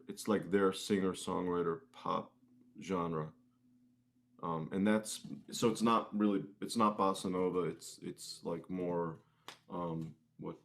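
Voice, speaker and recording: In an interview, a singer-songwriter and musician appears as a guest and chats casually in a low-pitched male voice. His speech is hesitant, and he often doubles back to repeat or correct a phrase.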